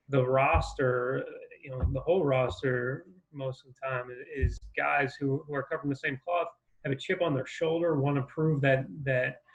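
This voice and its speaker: Male ex-coach, gravelly fry, hesitant and reflective, muffled video-call sound. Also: mid-range voice. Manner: thoughtful, hesitant with many ums. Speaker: former assistant baseball coach. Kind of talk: casual video-call interview.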